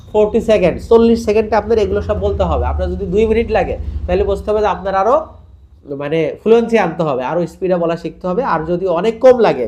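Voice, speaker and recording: Man, recitation teacher, slow stretched drills, quick explanations, repeat-after-me lesson. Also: high voice, a little mellow. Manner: drills syllables slowly and stretched, then explains in quick bursts; coaxes learners to repeat aloud after him. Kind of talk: tajweed lesson.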